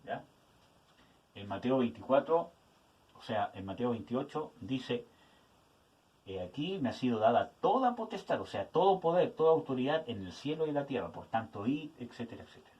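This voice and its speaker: A man's voice: mid-range voice, very animated, moderate pace, a little mellow, dull audio. A man teaching a Bible study to young people, often checking in with his listeners and searching aloud for words as he goes. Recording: voice from some distance to the mic.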